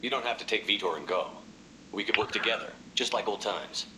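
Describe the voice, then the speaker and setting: A man playing a direct, steady military commander in a video game, businesslike in manner. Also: fairly low pitch, brisk, a little hiss or hum, poor audio. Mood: reassuring, firm.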